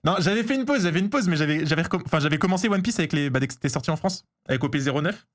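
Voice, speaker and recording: A man streaming live as he opens trading cards, chatting casually, getting excited and answering his chat. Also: fairly high pitch, very fast.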